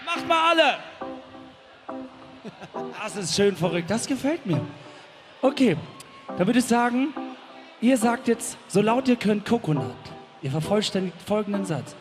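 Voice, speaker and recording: A man's voice: high-pitched, sing-song, measured pace, pauses often. A German man, a musician performing live at an open-air festival, joking playfully with the crowd between songs. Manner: playful, cheeky, calls out to the crowd. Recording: live concert sound with loud band music.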